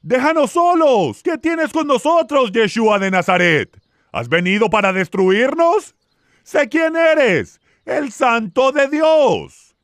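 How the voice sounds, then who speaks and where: A man voicing a shrieking demon that has possessed a man, crying out in a frantic, high-pitched voice. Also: sing-song, slow, fairly bright tone, no room sound, clean studio sound, exaggerated voice.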